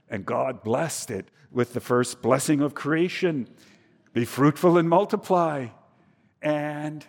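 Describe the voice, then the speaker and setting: Pastor guy preaching, goes soft then punchy, long echo from the church hall. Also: a little high. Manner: expressive, swinging between soft and emphatic. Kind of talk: sermon.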